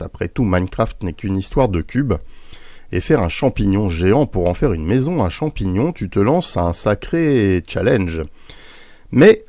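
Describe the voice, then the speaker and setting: A man's voice: fairly low pitch, mellow, no echo, clean studio sound. A man playing a helpful lab scientist.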